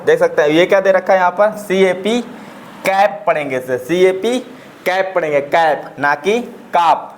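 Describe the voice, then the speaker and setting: A man's voice: high voice, normal speed, slight background noise. Man drilling pronunciation. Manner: asks rhetorical questions and repeats answers. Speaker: English teacher. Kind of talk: step-by-step pronunciation lesson.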